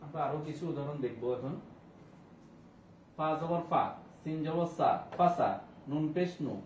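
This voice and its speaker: A man teaching an online Quran reading class. He names each letter and vowel mark, then draws the syllables out into slow recitation. His fairly high voice sounds a little off-mic in an echoey room, over a faint hiss. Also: a little mellow, far from the mic.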